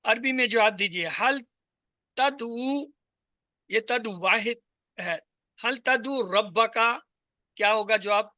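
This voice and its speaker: Bright high-voiced male teacher drilling. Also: pauses often, no room sound. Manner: patient drilling, asks and repeats answers. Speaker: Arabic teacher. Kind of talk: online class teaching. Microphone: video call.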